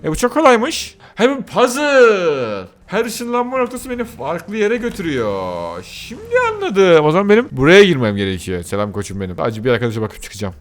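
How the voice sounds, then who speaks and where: A young man giving casual commentary on a game he plays, excitable and often breaking into shrieking outbursts. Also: high-pitched, moderate pace, hardly any pauses. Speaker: gaming YouTuber. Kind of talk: casual Let's Play commentary.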